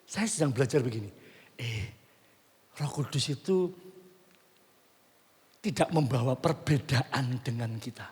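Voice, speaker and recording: Man, Javanese accent, pastor, sermon, husky, long hall reverb. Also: mid-range voice, measured pace, pauses often. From Central Java, Indonesia. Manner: animated storytelling, acting out his own inner dialogue. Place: church hall.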